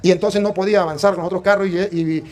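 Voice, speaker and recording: Fast-talking priest, high-pitched. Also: male voice. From Venezuela. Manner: animated, emphatic, tells anecdotes with quoted dialogue. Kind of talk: preaching and storytelling.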